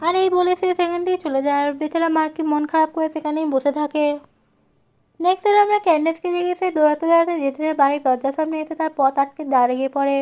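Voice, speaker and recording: A woman's voice: high voice, fairly even intonation, quick pace, a little mellow, soft background music. A woman narrating a movie recap, reading every character's lines in her own voice. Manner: reads all characters' lines in her own voice with little change.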